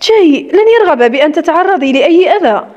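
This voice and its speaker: A woman voicing a young woman, a loyal friend who speaks gently and soothingly, in an audiobook story. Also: very high-pitched, lively intonation, fast, highs cut off. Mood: coaxing.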